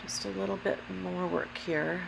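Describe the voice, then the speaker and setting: A woman hosts a relaxed craft tutorial in a low, gravelly voice roughened by allergies. She explains each step casually and carefully, taking her time. A noticeable mechanical hum runs behind her speech. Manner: unhurried, careful explaining with apologetic asides. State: allergy-affected voice, throat clearing. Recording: steady background hum, lawnmower noise. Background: lawnmower and hum.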